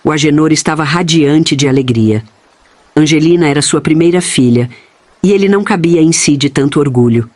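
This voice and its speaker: A man reading a first-person family story in a steady, earnest storytelling manner. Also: a little high, a little fast, no room sound. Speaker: narrator.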